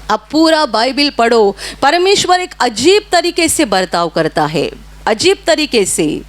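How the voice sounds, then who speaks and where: High-voiced woman preaching a sermon. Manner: earnest storytelling with repeated hallelujahs.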